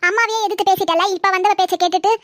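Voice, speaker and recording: A bossy old mother-in-law, played by someone in a comedy skit with a shrill, very high voice. She nags and rattles off her complaints at a rapid clip. The sound is close and dry. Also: steady tone, fairly bright tone, no echo. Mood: wounded.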